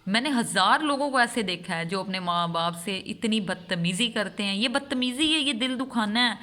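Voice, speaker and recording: A woman's voice: medium pitch, expressive, pushed and bright. A mother talking earnestly to her vlog audience, stressing her points with long runs of repeated phrases. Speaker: vlogger and mother. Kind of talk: heartfelt vlog monologue.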